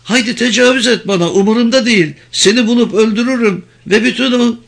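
A man voicing a desperate, hostile young woman captive with a thin, trembling voice, shrill and pleading. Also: steady tone, normal speed, a bit bright. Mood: furious.

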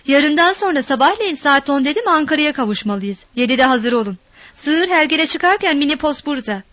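A woman voicing a brisk, bossy village man giving orders in a read story. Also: high-pitched, expressive, a bit bright, no echo. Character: bossy village man, gruff and rough-spoken.

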